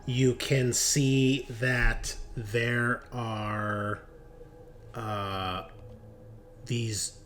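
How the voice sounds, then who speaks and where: This man, speaking in a mid-range voice with slight background noise, is game master for a tabletop roleplaying game. Narrating as he goes, he sets scenes in a hesitant, improvised manner.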